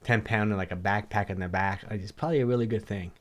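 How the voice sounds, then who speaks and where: Answering questions from viewers on his livestream, a middle-aged man talks quickly in a fairly low voice made a bit hoarse by a cold. His style is loose and meandering, with repeated words and frequent restarts.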